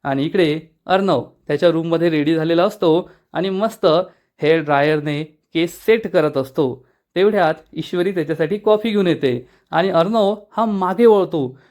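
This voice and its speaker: A man retells a serial episode in brisk, steady storytelling, with a voice set a little high for a man. He moves the plot along without pause. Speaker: serial recap narrator. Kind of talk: episode recap narration.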